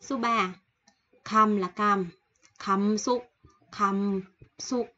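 A woman with a cold teaching Korean vocabulary in a casual online lesson, slowly repeating and explaining each word from a list. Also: mid-range voice, steady tone, sharp tone, lo-fi sound. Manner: slow repetitive explaining, reading word lists. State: has a cold.

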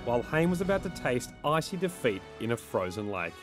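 A man's voice: mid-range voice, sing-song, fairly quick, over music. A man narrating a travel-comedy segment as co-host, reading a script.

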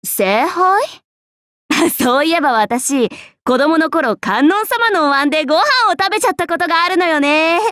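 High, animated young swordswoman, Miyamoto Musashi. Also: normal speed, no room sound, studio quality. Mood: musing, teasing. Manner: playful, expressive, swinging between teasing and flustered. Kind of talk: Japanese anime-style mobile game character acting.

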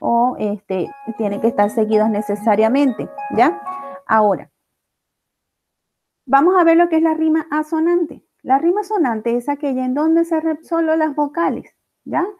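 A woman's voice: high voice, unhurried, a little mellow, soft background music. A woman teacher explains a lesson step by step, often checking in with the class. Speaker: language teacher. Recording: dull lo-fi recording.

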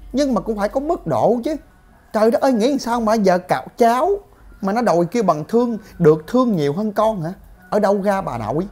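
A woman's voice: fairly low pitch, warm tone. A woman, ranting in commentary to her viewers, indignant and full of exclamations. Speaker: gossip commentator.

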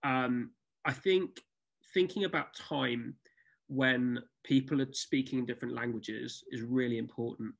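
A man's voice: medium pitch, steady tone, measured pace, vocal fry. A man theatre producer on a video call, speaking thoughtfully with frequent ums on a panel. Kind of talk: panel discussion.

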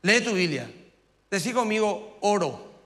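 A man preaching a sermon as pastor, lively and conversational, acting out quotes. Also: high-pitched, unhurried, in a large hall. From Paraguay.

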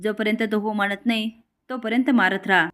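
A stern, elderly grandmother who rules her household, voiced by a woman. She issues harsh, commanding orders in a slightly raised voice, with even pitch. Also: fairly quick, lightly acted.

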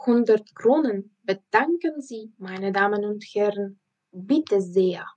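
A woman voicing a loud, pompous male circus ringmaster in an audiobook reading. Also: mid-range voice, slow, lo-fi sound. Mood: announcing. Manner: loud, announcing.

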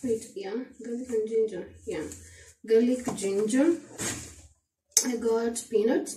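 A young Kenyan woman in her twenties vlogs casually from a small room at home about her grocery haul, repeating words and slipping in Swahili phrases. Her voice is warm and on the high side, with fairly even intonation and a slow pace. The room is echoey, she sits a little off-mic, and there's faint noise.

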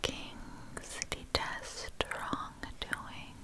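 Female ASMR reader, cupped-hand whisper, breathy and close-miked, extremely slow and deliberate phrasing. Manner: slow, deliberate phrasing with long pauses, words sometimes repeated. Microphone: close microphone with hands cupped around it.

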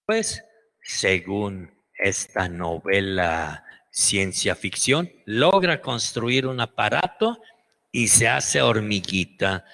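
A man's voice: on the low side, very animated, takes it slowly, sharp tone. A man with a Mexican accent giving a folksy storytelling lecture on religion, fond of diminutives. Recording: long hall reverb.

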